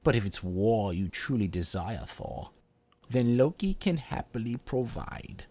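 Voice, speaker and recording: A scornful trickster god, voiced by a man, in a slow, gravelly drawl. His pitch rises and falls dramatically as he sneers with theatrical disdain in a voice-acting demo. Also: big pitch swings, darkish tone, exaggerated voice. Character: Loki, scornful menacing male trickster god.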